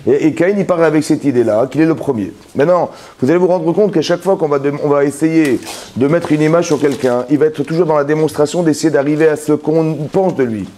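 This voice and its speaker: A rabbi gives a Torah lesson, explaining through everyday examples and often checking that his listeners are following. He talks fast in a slightly high, warm voice, with many restarts and repeated words.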